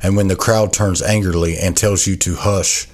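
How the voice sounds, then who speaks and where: A man reads a devotional and prays in a solemn, measured way. His voice is very deep. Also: steady tone. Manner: solemn, measured, rhetorical questions. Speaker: co-host of a recovery devotional show. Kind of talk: reading devotional text and prayer.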